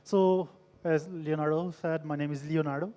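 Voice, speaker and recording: A man's voice: on the high side, steady tone, normal speed, mellow. Man speaking in a reverberant hall. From Brazil. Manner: engaging, polls the audience, tells a story. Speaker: conference speaker. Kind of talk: conference talk. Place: large conference hall.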